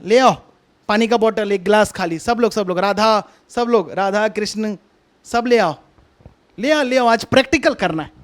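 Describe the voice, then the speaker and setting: Brief: male preacher, very high voice, chatty and coaxing, repeats himself, sermon over a video call. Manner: conversational, coaxing, repeats instructions. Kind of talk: online sermon with a hands-on demonstration.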